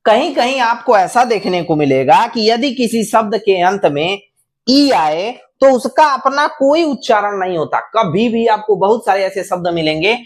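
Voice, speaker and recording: A woman teaching English pronunciation, repeating short words slowly and stretching their vowels. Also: mid-range voice, expressive. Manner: drills words slowly, repeating each one with drawn-out vowels. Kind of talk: slow classroom-style lesson.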